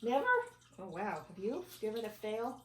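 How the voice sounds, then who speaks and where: At home, a woman with a mid-range, darkish voice talks fast and animatedly as she reads a children's storybook expressively, chatting casually with a child between passages. The room echoes, the mic is distant, and there's background noise.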